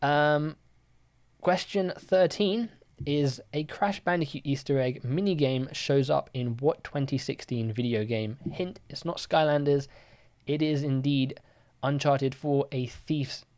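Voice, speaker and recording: Right in the middle of the male pitch range, a young man slowly and easygoingly hosts a live-streamed quiz. He drifts between reading questions and answering viewers, chatting in a relaxed way with casual fillers.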